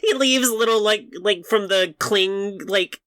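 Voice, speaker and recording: A woman's voice: mid-range voice, unhurried, fairly bright tone. A woman bantering casually as a player in an improvised tabletop game, sometimes swearing.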